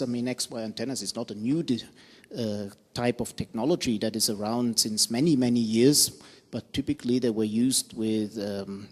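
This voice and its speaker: Male panelist explaining, hall reverb. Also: medium pitch. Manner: explanatory, hesitant with fillers. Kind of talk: technical panel discussion.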